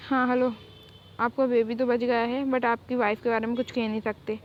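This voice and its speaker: A woman's voice: on the high side, flat delivery, moderate pace, close to an everyday voice. A woman doing a matter-of-fact doctor. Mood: grave. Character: hospital doctor giving grave news. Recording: dull lo-fi with faint noise.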